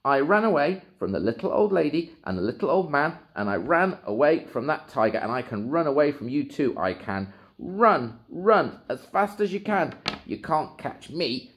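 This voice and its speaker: A man voicing a cheeky, boastful little gingerbread boy in a storybook tale, with a squeaky, taunting sing-song. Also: sing-song, moderate pace. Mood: defiant.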